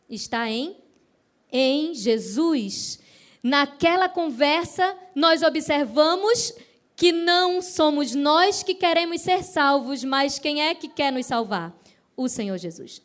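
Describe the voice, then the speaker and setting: A woman from Brazil preaching a sermon at a church service, telling the story in a lively way, asking the congregation questions and acting out the voices she quotes. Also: high-pitched.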